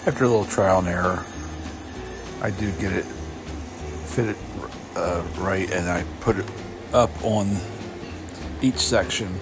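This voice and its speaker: Low-voiced older man narrating DIY work. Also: over music. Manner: plain, halting with many fillers. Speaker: homesteader vlogger. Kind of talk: casual DIY voice-over narration.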